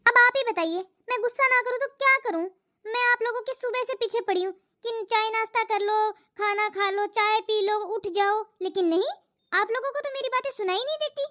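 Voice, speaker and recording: A woman voicing an overworked housewife and mother in an animated family story, scolding and complaining about her chores. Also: extremely high pitch, normal speed. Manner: complaining, scolding, talks to herself. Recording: muffled lo-fi voice track.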